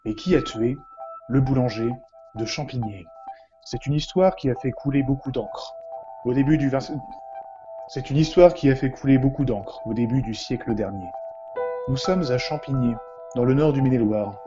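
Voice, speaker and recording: A man's voice: mid-range voice, normal speed, highs cut off, over music. A man narrating a mock-serious crime parody in a pompous, dramatic manner. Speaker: comedy narrator.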